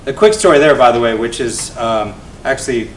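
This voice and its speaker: A man in his forties, a venture investor and guest speaker, telling his founder story to an event audience in an energetic, conversational way that often tags points with "right?". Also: brisk. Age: 40s. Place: event venue before an audience. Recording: roomy, distant mic with faint rumble.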